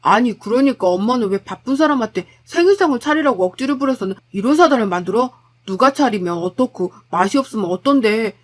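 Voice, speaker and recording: A woman voicing an exasperated husband who argues bluntly and reproachfully, in her own high voice. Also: animated, a little fast, hardly any pauses. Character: exasperated husband arguing with family.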